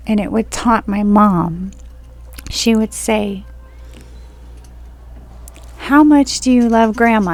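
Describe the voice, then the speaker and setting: A woman in her forties from Florida telling a personal story from home in a slow, rambling monologue that drifts onto tangents. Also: mid-range voice, creaky, darkish tone. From Florida, USA. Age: 40s. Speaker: spiritual video creator. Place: at home, indoors.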